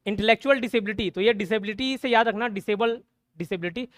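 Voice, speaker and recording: A man's voice: sits high, quick pace, a bit bright, no echo, clean studio sound. A man teaching an exam prep class. He uses memory tricks, repeats each point, quizzes the class and checks in with "theek hai". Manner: repeats points, asks the class quiz questions, says "theek hai" often. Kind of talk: mnemonic-based exam prep lecture.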